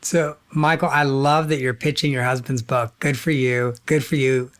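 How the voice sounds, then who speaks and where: A man's voice: medium pitch, steady tone, normal speed. Upbeat male podcast host. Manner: upbeat, enthusiastic. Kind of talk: podcast interview hosting.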